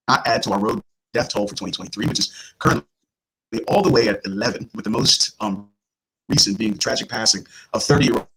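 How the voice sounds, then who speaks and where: A man's voice: fairly low pitch, husky, poor audio. A man reading the news break over a remote call from headphones, his line choppy with word endings cutting out. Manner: lively, chatty, laughs between sentences. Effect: choppy remote line with cut-off word endings. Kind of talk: reading local news on a talk show.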